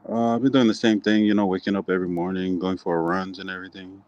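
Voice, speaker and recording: Young male athlete in an interview: low, even voice, nonchalant and understated, dry close sound. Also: quick pace, no room sound, lo-fi sound. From Hawaii. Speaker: slap fighting athlete being interviewed. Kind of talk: casual interview answers.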